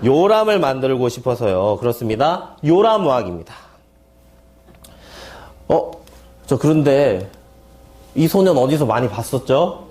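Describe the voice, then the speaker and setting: A man's voice: mid-range voice, big pitch swings, unhurried, pauses often, darkish tone. A man teaching a Bible seminar class, playfully asking the group questions and answering them himself with wordplay. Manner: playful mnemonic wordplay, asks and answers his own questions. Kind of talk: classroom lecture with call-and-response. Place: lecture hall at a seminary.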